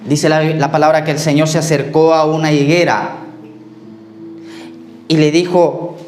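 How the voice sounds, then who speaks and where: A male pastor preaching a sermon and telling personal stories, acting out the dialogue and sometimes trailing off quietly. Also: fairly high pitch, little pitch movement, unhurried, reverberant, soft background music. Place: church.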